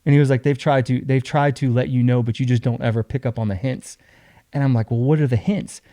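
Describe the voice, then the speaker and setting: A young man tells a story as a podcast guest, lively and full of acted-out quotes. His voice is dark and mellow. The sound is dry, close to the mic. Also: mid-range voice, fast, dry recording. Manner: animated, acts out other people's lines. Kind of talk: casual storytelling.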